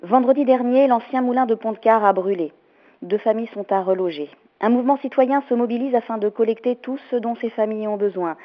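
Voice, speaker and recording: A woman leaving a recorded phone message, clearly reading out an appeal and a list of phone numbers. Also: a little high, a little fast, slight background noise. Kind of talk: message left on a phone answering line. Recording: dull lo-fi phone line.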